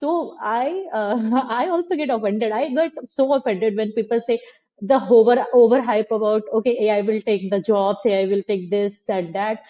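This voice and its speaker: A woman's voice: fairly high pitch, normal speed. A woman hosting a podcast, talking casually with emphatic opinions. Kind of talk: casual conversation. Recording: slightly muffled, dull sound.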